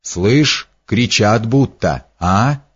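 A man's voice: on the low side, animated, drawn-out words, slightly rough, exaggerated voice. A man voicing a commanding young male prince who gives short orders, in a dull lo-fi audiobook recording. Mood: alert.

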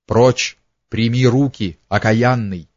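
A man's voice: medium pitch, steady tone, takes it slowly, dry recording, muffled recording. A man voicing a frightened, anguished young princess with trembling outbursts.

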